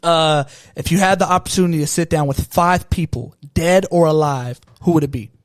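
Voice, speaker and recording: A man's voice: a little high, a little fast, dry recording. Teasing young man hosting a dry podcast. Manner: teasing, laid-back questioning. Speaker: podcast host. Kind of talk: casual podcast interview.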